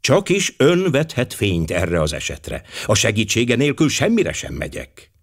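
A man voicing a fastidious, courteous male detective in an audiobook, formal and measured. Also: mid-range voice, wildly swooping pitch, voice pushed up. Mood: courteous questioning.

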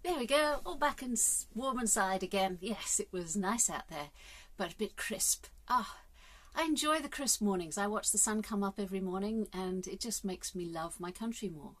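An Englishwoman in her fifties muses earnestly in a casual, reflective vlog, holding her phone at arm's length inside a caravan. Her mid-range voice is animated and fairly bright, moving at a moderate pace with hesitant fillers.

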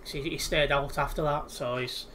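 This young man with an English accent keeps up relaxed banter while livestreaming gameplay indoors at his computer, wearing a headset and frequently starting over mid-thought. He sounds slightly high, bright and forceful, holding a steady tone at moderate speed over a faint hiss or hum.

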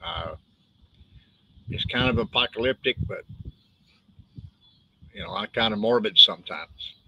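The highs are cut off in this clip of an older West Texas man, an author casually rambling about his books on a live stream with a folksy twang. His mid-range voice has a sing-song, unhurried lilt and sounds creaky, husky, pushed and bright.

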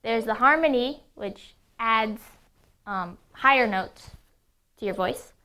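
A young woman with a slightly high voice walks through a toy product demo. She explains each feature step by step in an upbeat, scripted way. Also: slow pace, pushed and bright, smooth. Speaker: product demonstrator.

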